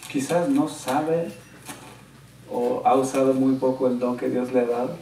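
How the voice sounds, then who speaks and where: A male pastor delivering a sermon, telling stories with lively, animated quotes of others. His voice sits at a middle pitch and carries the echo of a large room. He is heard from some distance off the mic, with faint ambient noise behind him. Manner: animated storyteller, quoting others with raised excited voice. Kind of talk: sermon with storytelling. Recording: roomy church sound, from a distance.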